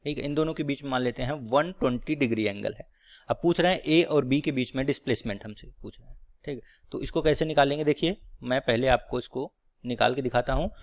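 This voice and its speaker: A man teaching a physics class at a board, working through each step and often checking in with his students. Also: mid-range voice. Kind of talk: blackboard physics lecture.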